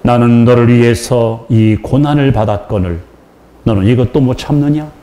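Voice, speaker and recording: A male pastor voicing a gentle divine figure who speaks to his servant in a slow, hushed rebuke. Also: medium pitch, natural voice. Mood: tender rebuke.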